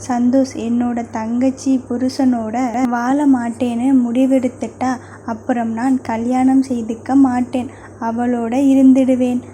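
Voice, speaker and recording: A woman's voice: a little high, little pitch movement, measured pace, warm tone, a little hiss or hum, close to an everyday voice. A woman voicing a stern, protective young man, an older brother, with blunt, curt replies, in an audio novel reading.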